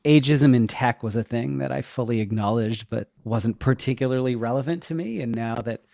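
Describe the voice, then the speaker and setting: A middle-aged web developer and educator, appearing as a podcast guest, reflects aloud in a conversational interview, sounding hesitant, thoughtful and self-questioning. His mid-range voice is gravelly and darkish, at normal speed, captured dry and clean in a studio.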